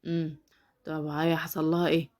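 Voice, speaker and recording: Female reader doing a cold indifferent Egyptian doctor, flat and quick, storybook reading. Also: sits low, natural voice. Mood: offhand.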